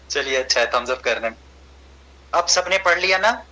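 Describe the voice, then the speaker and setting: A man's voice: a little high, sing-song, normal speed, pushed and bright, rough recording. A man teaching an online class over a video call, patient and encouraging, slipping English phrases into his speech.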